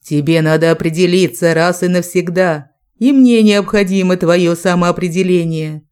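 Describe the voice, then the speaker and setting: A stern dark lord father, voiced by a woman who speaks with a mocking edge. The voice is warm and mellow in tone, read as a storybook. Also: lowish voice, steady tone, normal speed, smooth, close to an everyday voice.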